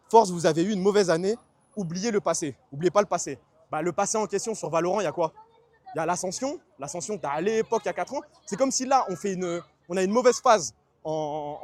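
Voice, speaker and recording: Fast-talking slangy male streamer. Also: high-pitched, a little mellow, dry recording. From France. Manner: fast, slangy, chatty, answers chat. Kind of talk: casual livestream chat.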